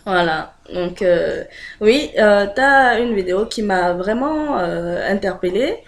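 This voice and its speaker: A woman's voice: mid-range voice, expressive, takes it slowly. A woman with a French accent chatting casually to her viewers, hesitant and full of fillers, laughing often. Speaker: video blogger. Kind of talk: casual direct-to-camera chat.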